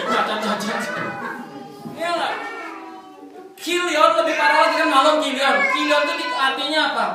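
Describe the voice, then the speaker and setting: A man's voice: very high-pitched, distant mic. Joking male pastor in an echoey hall. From Indonesia. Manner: joking, lively preaching with call-and-response. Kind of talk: sermon. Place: church fellowship hall. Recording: echoey hall, mic from afar, congregation.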